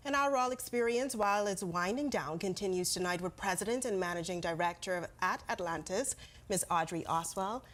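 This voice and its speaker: A woman's voice: medium pitch, fairly quick, a bit bright. A woman news anchor presenting scripted television news.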